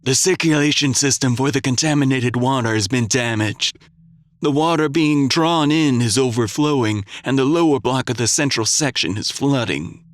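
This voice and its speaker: A man voicing a sly, menacing older gunslinger with a slow, measured delivery. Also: mid-range voice, dry recording, lightly acted.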